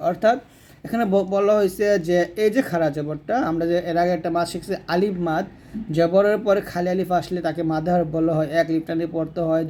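A man teaching Quran reading, patiently drilling letter sounds slowly one by one. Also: fairly high pitch, mellow. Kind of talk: recitation lesson.

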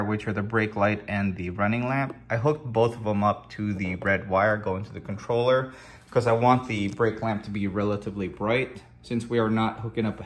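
A DIY scooter builder narrates a tutorial voice-over, walking plainly through a scooter repair one step at a time. His voice is lowish and a bit bright.

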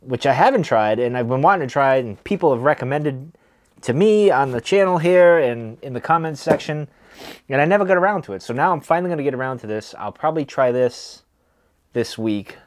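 A man's voice: medium pitch, lively intonation, fairly quick. Laid-back man chatting casually between cigar puffs. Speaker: cigar and pipe tobacco reviewer. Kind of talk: casual chat to camera. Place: small wood-paneled room, indoors.

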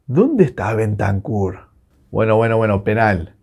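A Uruguayan man with a Rioplatense accent, reacting live to a football match with excitable, swearing rants. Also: fairly low pitch, measured pace, vocal fry, slightly rough. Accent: Rioplatense Spanish. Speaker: football fan reacting on his channel.

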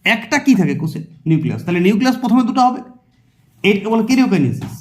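A man with a West Bengal Bengali accent teaches a biology exam-prep lesson in a high, rapid-fire voice with big pitch swings. He explains by asking questions and answering them himself, repeating terms as he writes them on a board.

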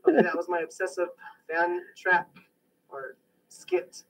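Brief: young amateur rapper hosting his mixtape, lively high voice, loose joking banter. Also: a little slow, recorded from a distance, poor audio. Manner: joking, boastful, rambling. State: getting over a sickness. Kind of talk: casual mixtape commentary.

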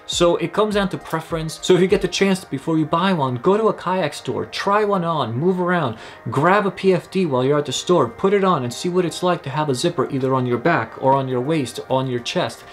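A man's voice: a little high, a little fast, soft background music. Young man explaining kayak gear. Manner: friendly, explanatory, gestures while talking. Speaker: kayaking channel host. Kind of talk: instructional vlog talk. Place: small indoor gear room with shelves.

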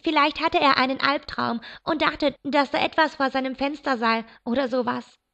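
Woman reader doing a stressed teen sister, high, raised voice, muffled lo-fi sound. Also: steady tone, moderate pace, vocal fry, sharp tone, exaggerated voice. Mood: flustered. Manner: agitated, raised voice. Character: excitable teenage girl, stressed younger sister. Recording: dull lo-fi recording.

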